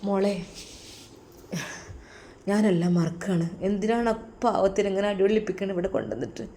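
A woman voicing a heartbroken young woman, an elder sister who talks softly and sorrowfully in a storytelling recording. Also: medium pitch, normal speed, slight background noise, natural voice. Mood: grieving. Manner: soft, sorrowful, subdued.

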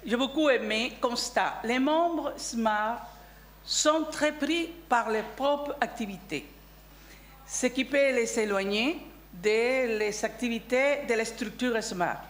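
A woman on a cooperative's board giving a candid personal speech at a general assembly, halting, with many restarts and fillers. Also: fairly high pitch, roomy sound. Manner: candid, chatty.

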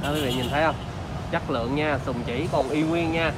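Male used car salesman, southern Vietnamese accent, higher-pitched, improvised reassuring walkaround pitch, noticeable outdoor lot noise. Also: fairly even intonation, a little fast. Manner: salesman's pitch, repeatedly addressing viewers with reassurances.

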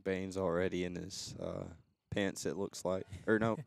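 A man's voice: deep voice, little pitch movement, unhurried, creaky. A young man giving laid-back color commentary on a college baseball game, often answering with a short yep and speaking of the team as his own.

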